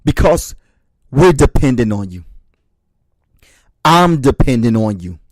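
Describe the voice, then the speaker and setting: A man's voice: medium pitch, sing-song, slow pace, dry recording. A man giving a motivational speech, talking straight to his listeners as brothers and sisters and hammering home short repeated refrains. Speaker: motivational speaker.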